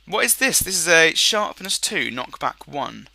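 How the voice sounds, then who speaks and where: A man rambling through casual game commentary, full of jokey asides. His voice is sore and strained yet very bright. His pitch swings all over. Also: very animated, unhurried, creaky, dry recording. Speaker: gaming commentator.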